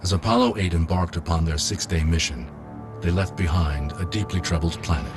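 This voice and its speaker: A man's voice: sits low, fairly quick. A man reading scripted narration as a documentary narrator. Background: prominent music.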